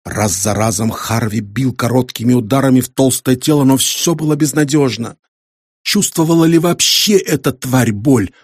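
A man reading a thriller audiobook, telling it with tension and drama. His voice is husky and mid-pitched, and the recording is dry and close. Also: moderate pace, dry recording. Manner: dramatic, tense storytelling. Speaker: audiobook narrator.

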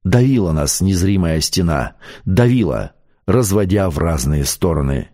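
Male audiobook narrator, scripted narration, dark mellow tone, lively pitch swings. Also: unhurried.

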